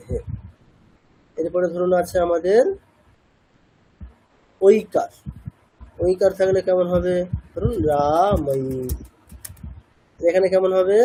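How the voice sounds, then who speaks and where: A man's voice: high voice, mellow, breathy edge, poor audio. A man teaching chanting pronunciation in a patient class lesson, asking questions and answering them himself. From India. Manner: patient, asks and answers his own questions.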